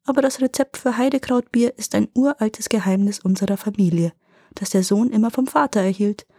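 A woman voicing a calm, shrewd tiny dwarf in a storybook fairy tale, speaking matter-of-factly. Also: mid-range voice, brisk, breathy edge, no echo, studio quality. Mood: calm scolding.

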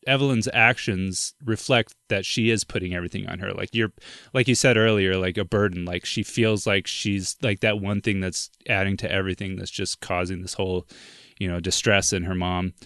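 A man's voice: sits low, fairly even intonation, moderate pace, fairly bright tone, dry recording, clean studio sound. A young man co-hosting a podcast, chatting casually about a film, with lots of "like" and "dude" and frequent laughs. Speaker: podcast co-host. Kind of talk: casual film discussion chat.

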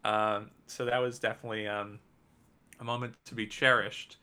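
Bright-voiced man, wry and offhand. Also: on the low side, level tone, moderate pace, clear, resonant tone. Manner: offhand, wry, trails off with ums. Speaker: podcast co-host. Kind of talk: casual chat.

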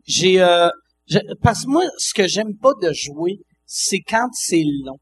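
A man's voice: sits high, expressive, slow pace, a little hiss or hum. A Québécois French man chatting casually on a podcast, often hesitating with fillers. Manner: hesitant, filler-heavy talk. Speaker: podcast host.

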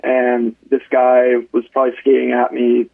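A young man in his twenties, a college hockey player, telling a story as a podcast guest in a relaxed way with many ums. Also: medium pitch, moderate pace, gravelly. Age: 20s. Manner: relaxed, frequent "um" and restarts. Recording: phone-like narrow band.

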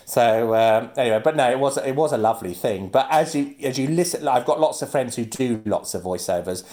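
A male guest in easy conversation, his voice rising and falling a lot as he tells anecdotes. He laughs often and slips into quick impressions of other people mid-story. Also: mid-range voice, lively intonation, a little mellow. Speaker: guest, actor and comedian. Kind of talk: casual chat.

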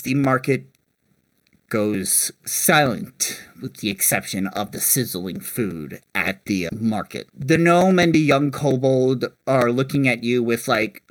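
A man narrating a tabletop game as dungeon master, animated and laughing as he describes scenes. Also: mid-range voice, slow, no echo, poor audio.

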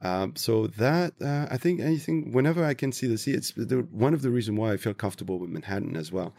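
A man from Tunisia, a travel industry guest, giving thoughtful interview answers and searching slowly for his words. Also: medium pitch, lively intonation, creaky, warm tone, dry recording, studio quality.

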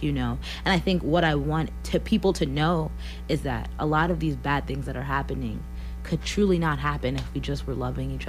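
A singer-songwriter in her twenties from Columbia, Missouri, talks earnestly in a radio interview, her voice sitting low and a little mellow on poor audio. She laughs often and fills her speech with lots of "like" and "you know."

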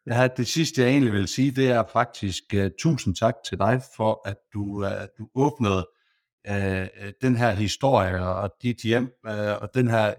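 A man's voice: on the low side, no room sound, clean studio sound. A man hosting a podcast, speaking hesitantly with many fillers. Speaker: podcast host. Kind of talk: casual interview and outro.

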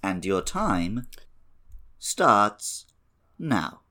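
A young man runs a podcast quiz, reading headlines and needling his friends between rounds. His pitch rises and falls with lively swings. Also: very slow. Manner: teasing, reads headlines then banters. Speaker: quiz host. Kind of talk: casual comedic game-show podcast.

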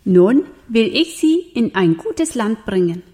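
God read by a woman, calm commanding storybook voice, slow and solemn. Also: a little high.

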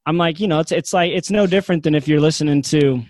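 Easygoing podcast co-host, slightly high. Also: male voice, quick pace, a little mellow, dry recording. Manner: easygoing, rambling anecdotes. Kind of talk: casual chat.

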